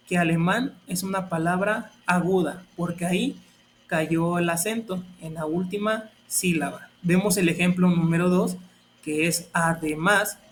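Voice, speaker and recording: Male teacher, high voice, patient lesson delivery. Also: fairly bright tone, slight background noise. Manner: patient, step-by-step explaining. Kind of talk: explaining a grammar lesson.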